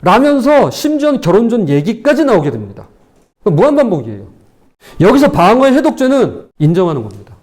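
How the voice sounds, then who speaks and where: A man's voice: high voice, huge pitch swings, a little fast, a little mellow. A male pastor preaching a sermon, animatedly acting out quarrelling spouses as examples.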